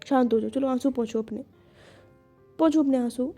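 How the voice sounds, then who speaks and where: A woman voicing a young woman who gently pleads with her crying partner and tries to calm her. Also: high voice, normal speed, soft background music. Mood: pleading. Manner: pleading, coaxing.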